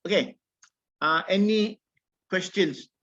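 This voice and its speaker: Singaporean man, slightly high-pitched, coaching informally. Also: slow, sharp tone, muffled recording. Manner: colloquial Singlish with tags like "all right" and "lah". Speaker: forex trading coach. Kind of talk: informal webinar presentation with audience questions.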